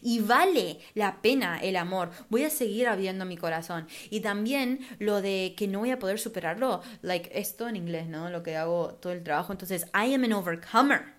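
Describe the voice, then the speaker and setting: A woman's voice: medium pitch, moderate pace, hardly any pauses. A young woman hosting a podcast, talking in a chatty, casual way and sprinkling English words into her speech. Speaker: podcast host.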